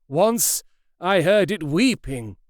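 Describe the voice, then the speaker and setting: A man voicing a fearful elderly male butler in an audiobook, speaking low and confiding. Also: big pitch swings, slow, no room sound, clean studio sound, full character voice. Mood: mournful. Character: fearful old male butler, hushed and grave. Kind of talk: audiobook character reading.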